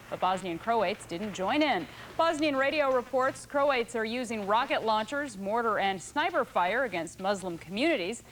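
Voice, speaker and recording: A woman reading scripted television news as an anchor. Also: fairly high pitch. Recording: faintly noisy early 1990s TV broadcast.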